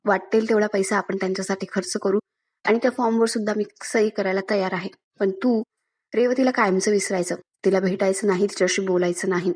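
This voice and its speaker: A woman's voice: medium pitch, steady tone, brisk, a little mellow, husky, natural voice. A woman voicing a controlling, scheming older sister who gives cold commands.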